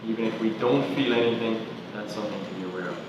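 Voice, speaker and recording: Male movement coach, calm guided body-scan cues, distant mic, roomy reverb. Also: on the low side, fast talker, noisy background. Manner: calm, questioning, step-by-step cues. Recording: echoey roomy sound from far off.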